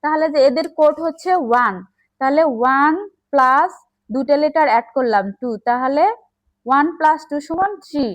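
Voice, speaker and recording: High-voiced woman teaching grammar. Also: moderate pace, rough recording. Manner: explains step by step, checks with "okay?". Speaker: English teacher. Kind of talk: classroom grammar lesson.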